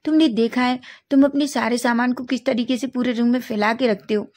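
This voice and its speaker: A woman voicing a middle-aged mother who gently scolds and teases her grown son in a storybook reading. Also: on the high side, steady tone, brisk, lightly acted. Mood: scolding.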